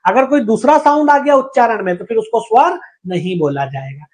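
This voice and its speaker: A man with a very high-pitched voice and lively intonation talks fairly quickly while teaching Hindi grammar in an exam-prep lecture. He poses questions and answers them himself, repeats every point, and sounds out syllables for students to copy.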